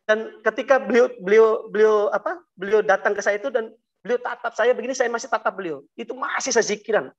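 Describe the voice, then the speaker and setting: A man telling his personal testimony to an audience, talking haltingly with many fillers and restarts and often addressing them directly. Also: high-pitched, highs cut off. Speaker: guest giving a testimony. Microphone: video call.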